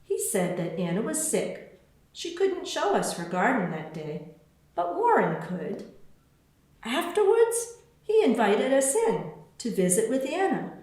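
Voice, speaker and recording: A woman author reads her own children's picture book aloud, taking her time while her pitch swings with lively animation. Her storytelling is expressive and deliberate, with phrases spaced apart. The room she's in is heavily reverberant and very echoey.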